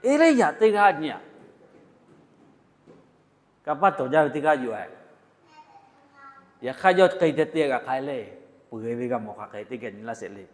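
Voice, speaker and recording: A man preaching a sermon in an animated way, mixing in English phrases. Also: fairly high pitch. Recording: long hall reverb.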